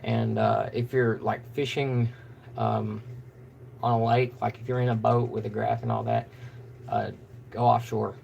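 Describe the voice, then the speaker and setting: Gravelly monotone man chatting. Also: fairly low pitch, unhurried, dull audio, slight background noise. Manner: monotone, rambling with fillers. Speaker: fishing channel host. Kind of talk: casual live stream chat.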